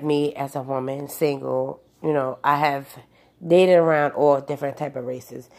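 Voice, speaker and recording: Deep, gravelly-voiced woman telling a story. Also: darkish tone. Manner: rambling, with many fillers and restarts. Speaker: vlogger recounting a personal experience. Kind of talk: casual storytelling monologue.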